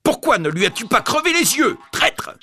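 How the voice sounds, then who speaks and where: A man voicing a cruel, furious old witch in a high, shrill sing-song. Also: wildly swooping pitch, slow, pushed and bright, exaggerated voice.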